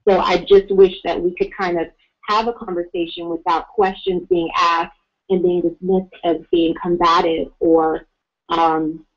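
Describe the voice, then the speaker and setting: A woman calling in to a radio show over the phone, speaking earnestly and at a measured pace with frequent ums. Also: on the low side. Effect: heard over a phone line into a radio show. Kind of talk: call-in talk radio. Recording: dull lo-fi phone-line sound.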